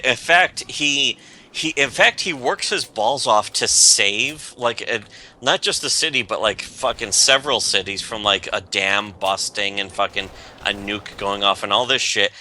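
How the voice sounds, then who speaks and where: Man, podcast host, casual chat, very bright tone, rambling, swears a lot. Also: on the low side, a little slow. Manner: rambling, profane, with frequent restarts.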